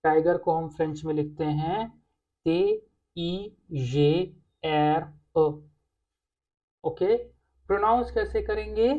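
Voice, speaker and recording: A woman teaching a language lesson, explaining patiently and pausing on "okay" between points. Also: deep voice, dark tone, dull audio. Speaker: French teacher.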